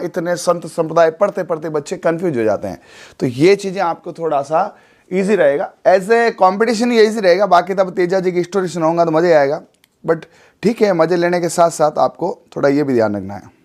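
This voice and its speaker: A man gives a classroom lecture for exam students. His voice sits a little high. He talks in a relaxed, chatty way, firing short questions and answering them himself. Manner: chatty, repeats and quizzes with quick questions. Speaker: exam coaching teacher.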